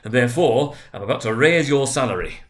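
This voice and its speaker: A man performs an old storybook employer with a growling, forceful delivery. He speaks loudly and emphatically, like someone whose stern authority covers a hearty, jovial nature. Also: mid-range voice, animated, brisk, natural voice. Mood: mock stern. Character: old gruff boss feigning anger, secretly jovial.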